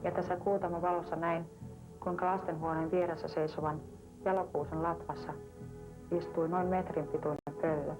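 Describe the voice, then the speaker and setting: Calm woman recounting a strange night. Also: lowish voice, low-quality recording. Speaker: woman recounting an abduction experience. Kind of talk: personal testimony for a documentary. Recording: voice with music playing behind.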